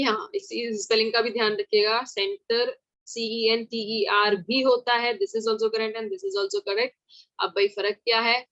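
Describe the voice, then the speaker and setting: A woman leads a relaxed exam-prep lesson in a fairly high voice. She chats informally, drops in English terms and spells words out letter by letter. The sound is dry and close, with almost no room echo. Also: highs cut off. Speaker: teacher. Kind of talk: online exam-prep lecture.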